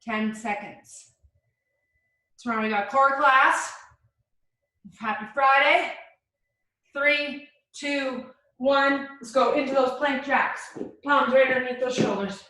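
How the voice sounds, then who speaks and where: A woman's voice: high voice, steady tone, slow, long pauses, bright, forceful tone. A woman fitness instructor coaching a live workout in short, encouraging cues and countdowns. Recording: very echoey room, distant mic.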